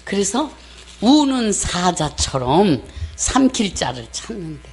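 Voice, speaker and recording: A woman missionary preaching a sermon with a personal story, talking in an animated way, acting out the voices she quotes and often clearing her throat. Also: mid-range voice, takes it slowly.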